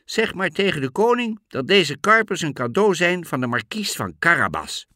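Man doing a high, bossy scheming cat. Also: sing-song, normal speed, bright, forceful tone, dry recording, clean studio sound, exaggerated voice. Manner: high, pushy, commanding. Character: cunning talking cat in boots, scheming and bossy.

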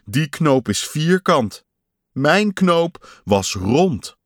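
A man's voice: fairly high pitch, big pitch swings, no echo, studio quality, voice pushed up, heavily acted. Man voicing grumpy storybook creature Pat. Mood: upset. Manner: complaining, slow insistent emphasis. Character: fussy grumbling male creature, button lost. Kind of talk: storybook voice acting.

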